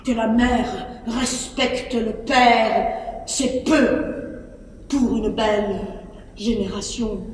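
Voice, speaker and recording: An actor playing a devoted, possessive old nurse on a theatre stage, declaiming between hushed words and shouts. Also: female voice, on the high side, steady tone, drawn-out words. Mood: insistent. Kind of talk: live theatre performance. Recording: echoey hall from far off, faint noise.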